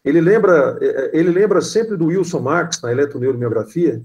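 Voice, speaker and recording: A Brazilian man moderating an online lecture, halting as he reads out audience questions. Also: a little high, lively intonation, darkish tone. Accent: Brazilian Portuguese.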